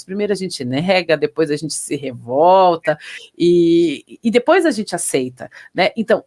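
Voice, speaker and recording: A woman's voice: on the low side, darkish tone. A middle-aged woman, a physician, telling her personal story as an interview guest in a reflective, emotional way. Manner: reflective, emotional, many tag questions.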